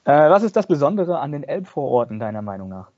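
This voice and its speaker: A man's voice: on the high side, big pitch swings, quick pace, a little mellow. Joking male podcast interviewer, lo-fi. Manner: jokey, reads questions from a plan. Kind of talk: casual interview questions.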